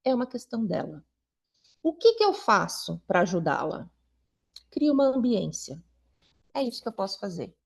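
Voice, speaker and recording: A woman's voice: mid-range voice, big pitch swings, moderate pace, gravelly, pauses often, husky. Middle-aged woman speaking to parents. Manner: conversational, with frequent tag questions. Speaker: invited school supervisor and educator. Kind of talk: talk to parents at a meeting.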